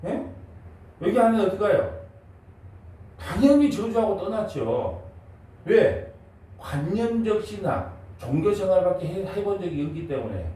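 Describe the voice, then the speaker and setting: A man's voice: sits high, sing-song, measured pace, long pauses, warm tone, heavy reverb, recorded from a distance, poor audio. A male pastor preaching at a dawn service, asking the congregation questions and acting out the voices he quotes. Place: church sanctuary.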